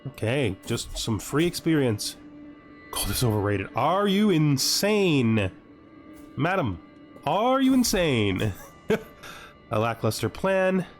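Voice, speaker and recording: A gaming video host with a mid-range voice narrates his playthrough slowly, his pitch swinging widely and long pauses between thoughts. He casually thinks aloud and reads on-screen text while music sits under his voice.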